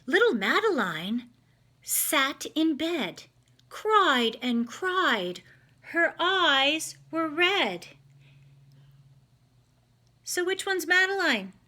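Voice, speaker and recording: Reading a picture book to children, a woman speaks extremely slowly and pauses often, her high, sharp voice swinging widely in pitch. She reads expressively and stops to ask the kids simple questions.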